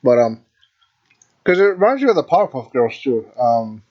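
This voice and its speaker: A young man on a podcast, wandering through his points with plenty of ums and restarts. His voice sits at an ordinary pitch. The recording is dull and lo-fi. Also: big pitch swings, moderate pace. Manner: rambling, hesitant, with many fillers. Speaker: podcast co-host. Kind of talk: casual chat. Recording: dull lo-fi mic.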